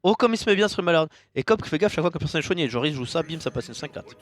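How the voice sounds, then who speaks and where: A man giving casual, jokey commentary on a card game match, with sudden bursts of loud enthusiasm. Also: a little high, expressive, racing, soft background music.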